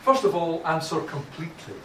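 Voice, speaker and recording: Here the Scottish lecturer's voice sits on the high side, animated and brisk, as he covers academic writing in a blunt, casual style full of restarts. It's recorded from a distance in a noisy, echoey room.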